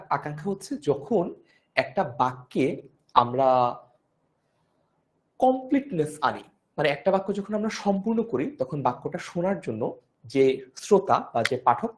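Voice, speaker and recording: Young Bangladeshi male tutor, slightly high voice, strained throat, repetitive explainer for a live class. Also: fairly bright tone. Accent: Bangladeshi Bengali. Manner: explanatory, repeats key points, asks "ঠিক আছে?". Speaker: online tutor. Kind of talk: live online grammar class.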